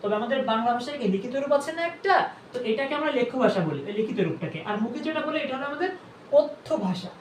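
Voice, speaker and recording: A woman's voice: high voice, lively intonation, quick pace, a little mellow, reverberant, far from the mic, a little hiss or hum, low-quality recording. A woman teacher gives an exam-prep grammar lesson, asking her students questions and answering them herself.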